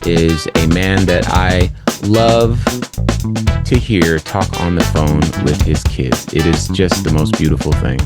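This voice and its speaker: A man's voice: deep voice, slow. A man hosting a talk show from a studio in a conversational radio style, introducing segments. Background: music.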